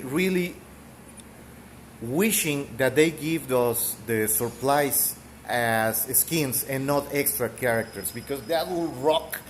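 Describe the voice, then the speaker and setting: A Mexican gaming streamer whose first language is Spanish rambles through casual game commentary in a thick Mexican accent, with fillers and the occasional cough. His voice is medium-pitched, with slight background noise.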